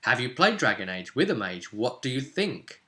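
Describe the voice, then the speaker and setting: Explaining tabletop roleplaying to viewers, a man mixes ad-libbed talk with rules read aloud, speaking to them directly with tag questions. His mid-range voice is very animated, pushed and bright, at a moderate pace.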